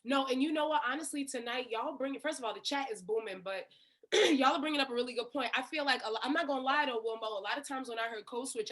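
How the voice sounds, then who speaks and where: A woman hosting a casual panel discussion, chatty and quick to affirm her guests. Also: a little high, a bit bright. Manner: chatty, frequent affirming interjections. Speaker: host.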